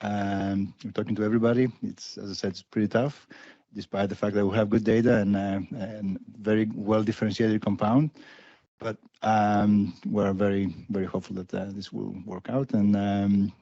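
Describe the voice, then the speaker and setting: A man speaks as a founder on a panel, halting as he goes. His voice is low and very mellow, on a dry, dull recording. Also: little pitch movement, no room sound. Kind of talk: conversational funding update on a panel.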